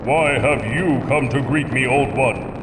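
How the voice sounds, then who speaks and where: A man's voice: medium pitch, unhurried, noisy background, natural voice. Man playing a righteous, haughty Aztec holy warrior, distant. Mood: imperious, stern. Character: haughty Aztec warrior deity, stern and commanding. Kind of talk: video game voice acting.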